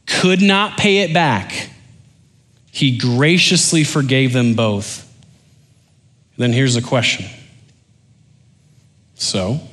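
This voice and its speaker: A male pastor delivering a sermon in a loose, conversational style. He jokes with his listeners and calls for amens. Then he slows down into quiet, intense emphasis, and his voice sits at an ordinary middle pitch. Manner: animated, joking, conversational preaching that drops to quiet intensity.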